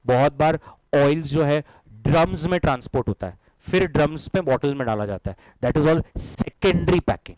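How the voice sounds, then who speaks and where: A man's voice: on the high side, animated, moderate pace, a little mellow, no echo, low-quality recording. A middle-aged man teaching accounting to a live class, drilling students in call-and-response and mixing Hindi with English terms. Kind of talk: classroom lecture.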